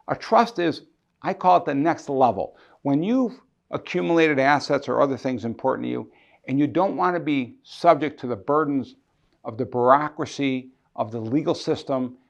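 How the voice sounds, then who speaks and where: A man with a gravelly, creaky voice explains legal documents to the camera like an attorney. He poses questions and then answers them himself, tagging many points with "right?". The recording sounds somewhat dull and lo-fi. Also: mid-range voice. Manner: asks and answers his own questions, frequent "right?". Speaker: estate planning attorney.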